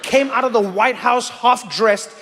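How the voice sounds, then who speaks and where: A man performing a stand-up comedy set on stage, telling stories animatedly and shifting between loud bursts and quiet asides. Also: very high-pitched, unhurried, in a large hall, slight background noise.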